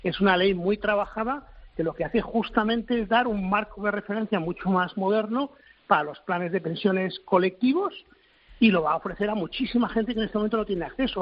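A government official answering interview questions, a man who talks haltingly and searches for his words. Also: sits high. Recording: dull lo-fi recording.

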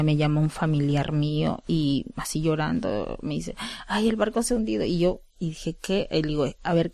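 A woman from Peru with a Peruvian accent, giving a halting personal testimony in an interview. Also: deep voice, creaky, mellow, no room sound. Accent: Peruvian Spanish. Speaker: interviewee, widow of a fisherman. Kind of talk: emotional testimony.

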